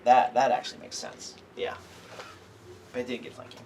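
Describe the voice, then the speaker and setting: A man's voice: mid-range voice, monotone, normal speed, a little mellow. Male game master in a noisy room. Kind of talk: narrating a tabletop fantasy game, casual table talk.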